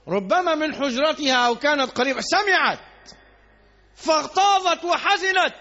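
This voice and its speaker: High, bright-voiced Egyptian preacher. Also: male voice. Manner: emphatic, with repeated rhetorical questions and loud bursts. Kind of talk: Friday sermon. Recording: dull lo-fi recording.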